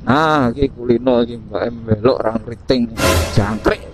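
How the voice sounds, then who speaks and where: A man's voice: medium pitch, big pitch swings, normal speed, gravelly, rough recording. A man with a Central Javanese accent chatting casually and joking to himself as he rides a motorbike and vlogs. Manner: joking, chatty, talks to himself, laughs often. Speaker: motovlogger. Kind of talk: casual riding vlog chat. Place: riding a motorbike on country roads. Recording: loud wind and engine noise.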